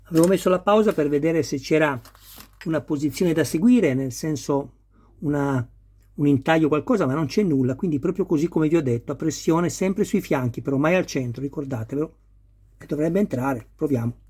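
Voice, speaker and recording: Male hobbyist, slightly raised pitch, husky tone, patient step-by-step tutorial. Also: a little fast, mellow. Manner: patient, talks viewers through each step. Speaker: model kit builder. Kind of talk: hands-on assembly tutorial.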